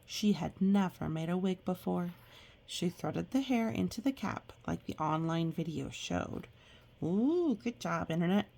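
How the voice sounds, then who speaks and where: Reading a picture book at an easy, slow pace, a woman with a lowish, raspy voice and lots of fry exclaims and gasps at the pictures. She also slips into chatty asides, explaining things gently as if to little children.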